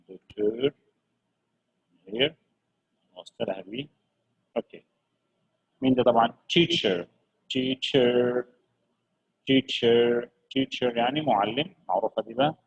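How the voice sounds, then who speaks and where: A man leads a children's English lesson in a gravelly, slightly husky voice. He coaxes his pupils along, drawing each word out and saying it again and again. The recording sounds dull and lo-fi. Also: medium pitch. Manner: lively, coaxing, repeats words slowly for pupils. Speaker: English teacher.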